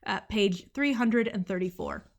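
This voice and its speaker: In a mid-range voice with huge pitch swings at normal speed, a young woman from the United States reads a scripted video essay reviewing a book. Her tone is earnest and analytical, occasionally wandering into asides punctuated by small laughs.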